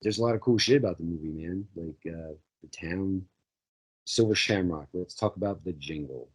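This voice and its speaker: A man's voice: low-pitched, normal speed, husky. A man co-hosting a podcast, talking casually about a film, swearing freely and acting out quotes. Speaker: podcast co-host. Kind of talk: casual movie chat.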